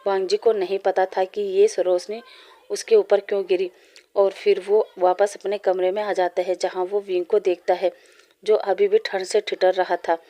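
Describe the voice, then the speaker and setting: A woman narrating a fan fiction story aloud in a steady, plain reading voice. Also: mid-range voice, normal speed.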